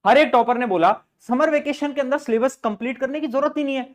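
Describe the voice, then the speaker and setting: Young male study-advice host, high voice, talks straight to students. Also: fast. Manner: talks directly to students, answers his own questions. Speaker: study guidance youtuber.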